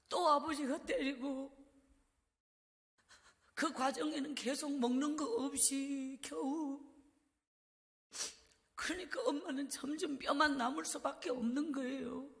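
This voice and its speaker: High-voiced woman preacher in a church. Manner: emotional storytelling, dropping to hushed, breathy tones. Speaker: evangelist preacher. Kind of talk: revival sermon testimony. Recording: reverberant church hall.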